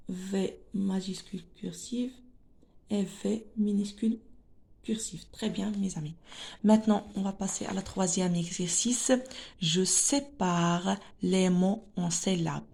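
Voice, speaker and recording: A woman's voice: lowish voice, gravelly, dark tone. A woman teaching a children's reading lesson, patiently spelling out letters and syllables with a Moroccan accent.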